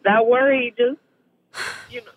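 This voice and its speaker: A woman talking over the phone about family worries, anxious and rambling, often halting mid-sentence. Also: fairly high pitch, steady tone. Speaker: interviewee, family member. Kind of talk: emotional phone conversation. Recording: tinny phone line.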